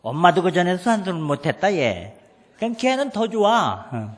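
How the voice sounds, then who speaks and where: A middle-aged man preaches a homespun sermon, acting out scolding family scenes and asking the people to repeat phrases after him. His voice sits very high and swings widely in pitch. The long reverb of the church hall trails behind every line. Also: very animated, normal speed. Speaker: pastor. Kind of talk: folksy sermon. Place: church sanctuary.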